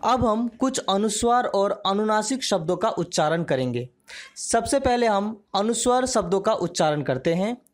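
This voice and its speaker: A woman teaching a grammar lesson, slow and measured, drawing out each example word. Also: mid-range voice, animated.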